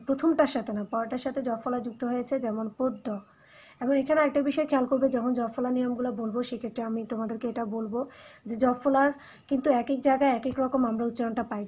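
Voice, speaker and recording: High husky-voiced Bangladeshi woman teacher. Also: darkish tone. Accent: Bangladeshi Bengali. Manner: explains step by step, repeats and stresses example words. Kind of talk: recorded classroom lecture. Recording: dull lo-fi recording.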